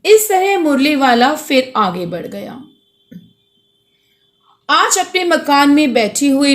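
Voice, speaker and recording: Woman teacher, high voice, slow, patiently glossing a school reading. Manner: explains words patiently, addresses students. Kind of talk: reading and explaining a school lesson.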